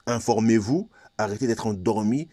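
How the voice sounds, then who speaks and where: Man, from Congo, vlog rant, confrontational, rhetorical questions, dark mellow voice. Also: lowish voice, normal speed, no room sound. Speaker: vlogger. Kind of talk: ranting vlog monologue.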